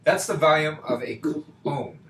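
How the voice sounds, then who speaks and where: A man's voice: on the high side, lively intonation, normal speed. Chatty male tutor on a video call. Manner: chatty, rhetorical questions, frequent fillers. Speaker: math tutor. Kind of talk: casual online tutoring. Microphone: computer mic on a video call. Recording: echoey room with faint background noise.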